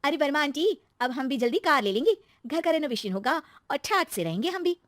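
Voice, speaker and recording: A woman voicing a cheerful, chatty young wife in a cartoon story, talking in an excited way. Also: high voice, brisk, dry recording, studio quality, pitched above the performer's own voice. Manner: excited, talkative.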